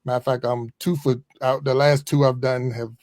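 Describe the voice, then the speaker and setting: A man in his fifties, a former pastor, talking casually as a podcast guest, chatty and relaxed with frequent chuckles. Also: medium pitch, a little fast, dry recording, clean studio sound. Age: 50s. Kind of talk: casual conversational interview.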